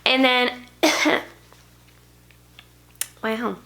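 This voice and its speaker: Chatty, excited young woman vlogger. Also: a little high, drawn-out words. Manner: chatty, excited, rambling with self-corrections. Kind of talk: casual vlog recap.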